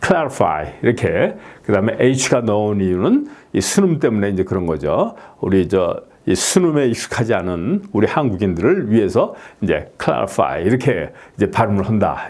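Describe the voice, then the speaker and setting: A man teaching English pronunciation, filling pauses with "yes" and repeating each word slowly. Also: fairly low pitch, darkish tone. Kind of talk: explaining lesson to camera.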